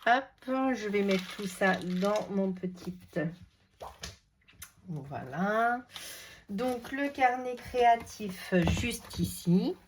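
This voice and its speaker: A woman's voice: medium pitch, lively intonation, drawn-out words, noisy background. A woman hosting a casual crafting tutorial, chatting with frequent hesitations while she handles paper and stickers. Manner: chatty, hesitant with many fillers, talks while handling materials. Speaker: crafting video host.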